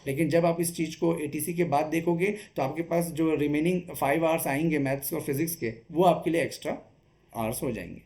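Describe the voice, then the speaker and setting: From Chhattisgarh, India, this exam coach speaks a little higher than most men, with a brisk pace and a darkish tone. He lays out an exam study strategy step by step, explaining as he goes and often checking in with short tag questions.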